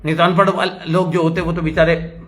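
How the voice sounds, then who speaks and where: A middle-aged man with an Indian accent preaching a sermon, spelling out words slowly like a teacher and mixing in English phrases. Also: on the high side, level tone, a crowd in the background. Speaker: pastor.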